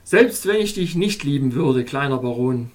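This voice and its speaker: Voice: mid-range voice, expressive, normal speed, pitched below the performer's own voice, lightly acted. A reader voicing a cold, dignified king of an ice realm in an audiobook, speaking in a stately, cool manner. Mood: icy dignity. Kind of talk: audiobook character voice.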